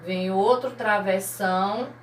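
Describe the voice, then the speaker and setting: Slow, patient Brazilian woman teacher. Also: mid-range voice, steady tone, reverberant, slight background noise. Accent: Brazilian Portuguese. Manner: slow, patient, explaining step by step. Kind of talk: recorded remote lesson for children.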